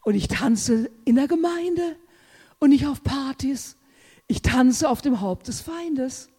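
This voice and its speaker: A preacher giving an impassioned sermon, swinging from loud exclamations to hushed asides. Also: high voice, animated, slow, long reverb tail.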